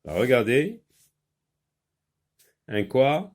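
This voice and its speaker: Very animated, with a mid-range voice, this man leads a primary-school French reading lesson, sounding words out syllable by syllable, saying them again, and pausing on "euh" as he explains.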